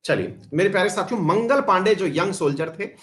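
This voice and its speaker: A man teaching a live online history class, chatty and often addressing his students warmly, mixing English terms into his talk. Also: sits high, lively intonation, brisk. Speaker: exam-prep teacher.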